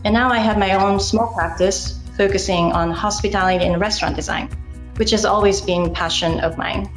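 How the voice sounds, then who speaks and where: Woman, middle-aged, Japanese accent, measured and earnest, slight hesitations, reverberant room. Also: mid-range voice, fairly even intonation, soft background music. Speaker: incoming chapter president. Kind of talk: formal acceptance speech.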